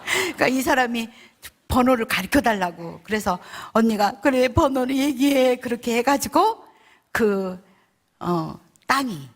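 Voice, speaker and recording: Older lady pastor, kinda breathy higher voice, telling a story in church and doing everyone's voices. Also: measured pace. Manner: animated storytelling, acting out quoted voices. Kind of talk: sermon testimony.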